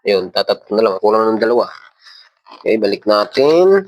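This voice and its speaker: The muffled recording captures a man with a Filipino accent hosting a relaxed tutorial, handling parts as he instructs step by step. His voice is fairly low and sing-song, at normal speed.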